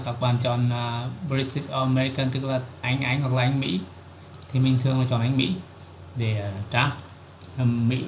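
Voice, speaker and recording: A man talks through a computer tutorial one step at a time, in a level, even tone with little melody. He is recorded in an echoey room, and keyboard typing is clearly heard behind his voice. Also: mid-range voice, noisy background. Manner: step-by-step explaining, frequent "there" fillers. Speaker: tutorial host. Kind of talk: screen-recorded software tutorial.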